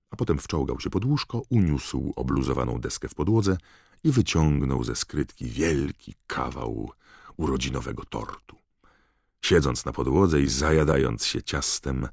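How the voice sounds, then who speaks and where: Man reading an audiobook, super deep voice w lots of fry, steady and expressive. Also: no echo, clean studio sound. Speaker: audiobook narrator. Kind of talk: scripted storybook narration.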